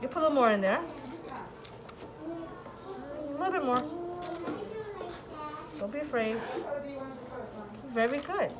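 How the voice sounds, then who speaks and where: Amid the chatter of a group of children and other background noise, a woman with a high, expressive voice teaches a hands-on lesson. She is unhurried, leaving long pauses between her short, repeated directions and words of encouragement, and the room is reverberant.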